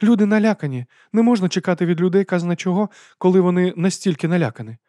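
A man voicing a kindly but flustered upper-class lady in an audiobook, talking in quick exclamations. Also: sits high, expressive, dark tone, no echo, studio quality, voice pushed up. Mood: hearty, concerned. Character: hearty, fussy upper-class aristocratic lady, middle-aged. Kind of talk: audiobook character voice.

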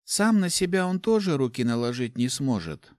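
A man voicing a calm young woman mage in an audiobook, soft and measured. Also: medium pitch, no room sound, studio quality, lightly acted. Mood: flat. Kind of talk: audiobook character voice.

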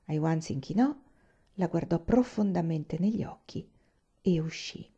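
Lady reading a novel out loud, steady and measured, warm mellow voice, kinda muffled recording. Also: fairly low pitch, husky. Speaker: reader. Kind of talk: audiobook narration.

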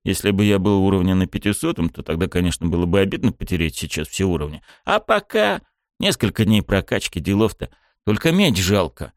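A man narrating an audiobook in a lively, wry storytelling manner. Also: deep voice, a little fast, no room sound, studio quality.

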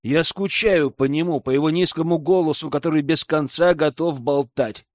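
A man narrating a fantasy audiobook in the first person, expressive and wry. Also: fairly high pitch, normal speed, no echo, clean studio sound.

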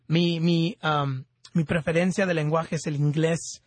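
A man with a fairly high voice leads prayer and devotional talk as host of a religious radio program. He speaks haltingly, tripping over words and starting them again. The sound is close and dry, from a radio studio. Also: steady tone, no echo. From born in Mexico, raised in the United States. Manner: halting, often stumbles and restarts words.

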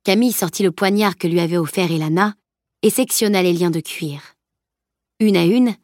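A woman narrating an audiobook in a measured, even storytelling voice. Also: medium pitch, no echo, clean studio sound.

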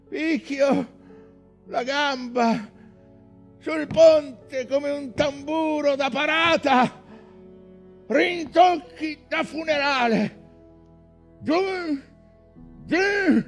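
An actor playing an obsessed, scarred old whaling captain in a declamatory theatrical stage monologue. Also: male voice, high-pitched. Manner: declamatory, swinging from hushed brooding to shouted commands.

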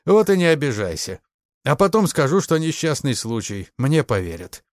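A man's voice: medium pitch, very animated, normal speed, no echo, clean studio sound, voice pushed up, lightly acted. A man doing a sneering, thuggish police major. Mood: threatening. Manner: coarse, mocking, threatening. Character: menacing crude male secret-police major.

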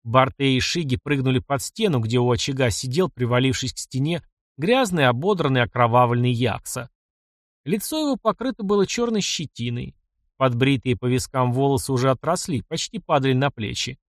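A man reading a dark fantasy audiobook with expressive narration. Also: medium pitch, brisk, dry recording, studio quality.

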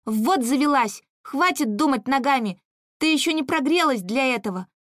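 Bright teasing girl, pitched up , acted by a woman. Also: expressive, no echo, clean studio sound. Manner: teasing, quick to laugh. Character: teasing girl, the narrator as a child.

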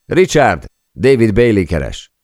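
A man voicing a hurried male office helper calling across the room with raised, urgent calls. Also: fairly low pitch, very animated, darkish tone, no echo, clean studio sound, voice pushed up.

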